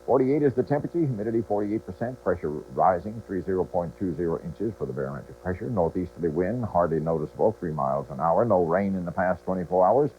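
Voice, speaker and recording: A man giving a folksy TV weather forecast with chatty, relaxed asides. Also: deep voice, fast talker, hardly any pauses, soft background music. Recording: tinny, lo-fi broadcast tape.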